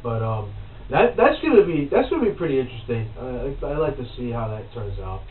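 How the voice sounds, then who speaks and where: A man's voice: medium pitch, a little fast. Male host, casual podcast talk, fired-up and profane; far from the mic in an echoey room, tinny sound. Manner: animated, swears freely, gets loud when worked up. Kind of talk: casual wrestling chat. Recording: roomy, distant, phone-like, faint noise.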